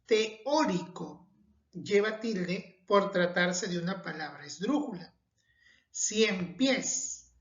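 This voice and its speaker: A woman teaching a recorded spelling lesson, speaking slowly and carefully and stressing each example word. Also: medium pitch. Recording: dull echoey room.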